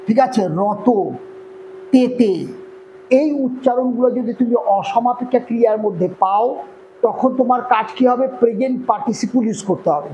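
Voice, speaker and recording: A man teaching an online grammar lesson with a Bengali accent, explaining step by step and often checking whether the point is clear. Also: extremely high pitch, a little fast, warm tone, muffled recording, slight background noise.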